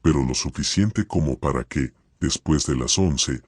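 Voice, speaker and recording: A man with an extremely low, husky voice reads a horror tale slowly and steadily. The sound is dry and close, with no room around it. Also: no room sound. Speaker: narrator. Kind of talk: scripted horror narration.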